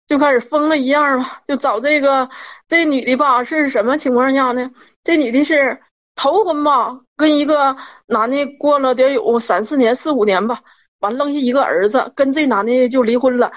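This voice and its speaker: Woman in her 40s, rambling and worked up, repeats stuff, muffled lo-fi sound. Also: sits high. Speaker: caller. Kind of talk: telling a personal story. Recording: dull lo-fi audio.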